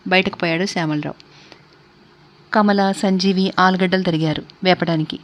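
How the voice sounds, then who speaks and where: A woman storyteller reading a story aloud in a steady, measured way. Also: fairly low pitch. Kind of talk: scripted narration of a story.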